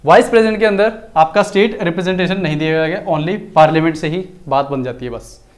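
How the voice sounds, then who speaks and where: High-voiced male teacher. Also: fast talker. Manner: chatty, explanatory, mixes Hindi with English terms. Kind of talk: recorded exam-prep lecture.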